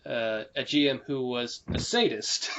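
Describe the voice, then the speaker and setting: A man's voice: medium pitch, a little slow. A young man co-hosting a podcast in casual chat, rambling with fillers, laughing often and swearing casually. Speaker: podcast co-host. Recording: slightly dull lo-fi recording with faint noise.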